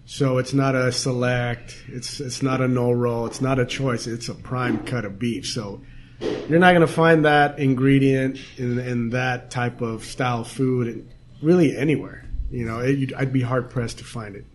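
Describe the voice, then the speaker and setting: A man's voice: mid-range voice, steady tone, moderate pace, slight background noise. A man who runs a restaurant and brewery, talking casually and proudly in an interview about what he serves, recorded in a small restaurant. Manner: proud, explains details at length.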